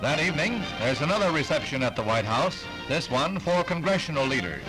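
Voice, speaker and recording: Male old-newsreel announcer, slightly high voice, formal delivery, music bed underneath. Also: big pitch swings, a little fast, low-quality recording. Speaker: newsreel narrator. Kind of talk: 1960s newsreel narration. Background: music under the narration.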